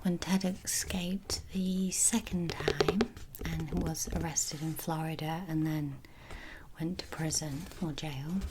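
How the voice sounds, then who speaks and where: Whispering woman, low-pitched ASMR host. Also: steady tone, slow, very noisy. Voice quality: breathy unvoiced whisper. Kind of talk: whispered ASMR reading and talking.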